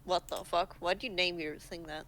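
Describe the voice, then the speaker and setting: A woman's voice: fairly low pitch, steady tone, normal speed, fairly bright tone. A woman co-hosting a casual stream, dropping short wry, profane quips. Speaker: co-host.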